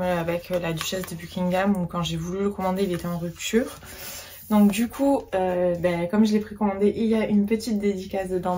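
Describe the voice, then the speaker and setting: A woman's voice: mid-range voice, husky. A woman talking casually about books in a reading vlog, chatty with many fillers and restarts. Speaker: book vlogger.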